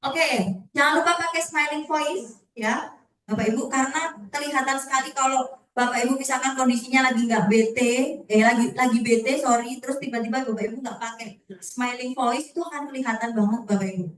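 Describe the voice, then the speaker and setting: A woman's voice: high-pitched, fairly quick, a bit bright. A woman sales trainer, casual and chatty, talking directly to her audience and tagging her phrases with "ya". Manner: ends phrases with a questioning "ya". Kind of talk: training session talk. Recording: echoey room, far from the mic.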